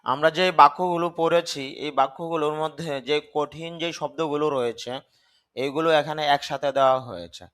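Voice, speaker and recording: A man teaching English grammar, reading example sentences slowly, translating them and correcting the pronunciation of words. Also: a little high, fairly even intonation, a bit bright, no room sound. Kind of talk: slow grammar lesson.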